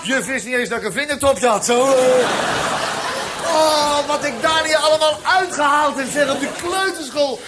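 A man's voice: extremely high pitch, normal speed, over loud music. A man performing a rambling, absurd cabaret monologue on stage, full of hesitant fillers. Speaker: stand-up comedian. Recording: live recording with audience and background noise.

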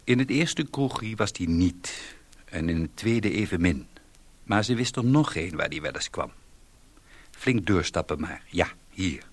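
A man reading a story aloud in a slow, deliberate, wry way. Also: lowish voice, animated, slightly rough, no room sound. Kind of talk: scripted story narration.

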